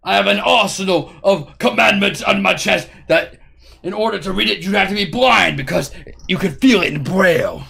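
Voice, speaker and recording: Pompous British-style baron pilot, boastful and menacing, played by a man, high raspy bright voice. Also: moderate pace, exaggerated voice. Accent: put-on British-style safari adventurer. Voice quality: theatrical, pompous, grandiose boasting. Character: bombastic posh male pilot baron, boastful, menacing host. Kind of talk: improvised character bit on a stream.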